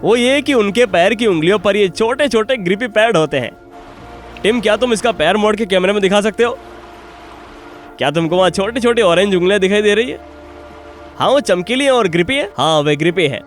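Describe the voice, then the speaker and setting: A man presenting an outdoor wildlife show in an excited, explaining way, exclaiming often. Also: sits high, brisk, faint music behind. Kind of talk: Hindi dub of an outdoor wildlife vlog.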